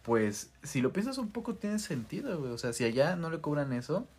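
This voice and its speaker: A man's voice: on the high side, sing-song, brisk, a little mellow, breathy edge. A man with a Mexican accent bantering casually, chiming in with wry, teasing remarks. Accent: Mexican Spanish. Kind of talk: casual comedic chat.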